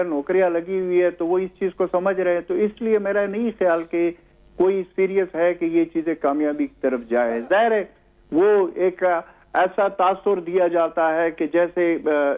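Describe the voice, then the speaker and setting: A male analyst speaks over a tinny, phone-like line. His voice sits a little high, and he talks in a measured way, pausing often and restarting his sentences as he explains his view. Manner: measured, hesitant with many fillers. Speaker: political analyst guest. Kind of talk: studio talk show discussion.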